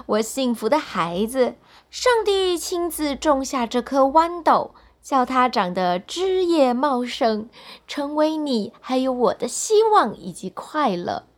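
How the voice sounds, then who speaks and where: A woman voicing a poor, hardworking mother in a bedtime storybook, speaking in a tender, soft-spoken way. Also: high voice, very animated, slow, exaggerated voice.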